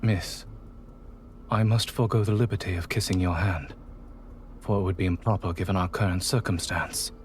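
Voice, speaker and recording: An actor playing a reserved, formal young noble bachelor in a game, speaking in stiff, old-fashioned phrasing with a refined accent. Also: male voice, sits low, fairly even intonation, moderate pace, pauses often, a little hiss or hum, natural voice. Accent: non-standard refined accent. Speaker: game character voice.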